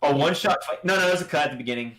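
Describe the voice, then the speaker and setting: A young man with a somewhat high voice talks through animation entries on a livestream. He is relaxed and chatty, often laughing and trailing off mid-thought before starting over. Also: rapid-fire. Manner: laid-back, laughs often, trails off and restarts. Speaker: co-host judging animation entries. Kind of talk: casual livestream chat.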